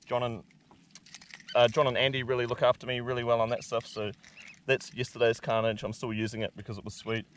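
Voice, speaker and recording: A man's voice: medium pitch, flat delivery, fairly quick, fairly bright tone, recorded from a distance. Laid-back New man on a kayak. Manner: laid-back, chatty, laughing, slangy. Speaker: kayak fishing vlogger. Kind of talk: casual vlog talk to camera. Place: kayak on open sea outdoors. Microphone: action camera on the kayak. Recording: outdoor camera with wind and water noise.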